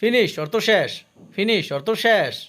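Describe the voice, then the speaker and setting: Lively intonation and a fairly bright tone mark this man's high-pitched voice. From Bangladesh, he teaches English words slowly and carefully, giving each word and its meaning twice and stopping to explain how it is pronounced.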